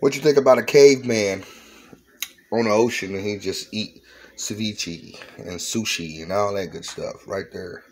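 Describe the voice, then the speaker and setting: This home cook and channel host is a Southern US man in his 40s, playfully chatting through a casual cooking vlog in a kitchen with a countertop fryer. His voice sits on the low side and his pace is measured, with frequent repeated exclamations. Audio quality is poor.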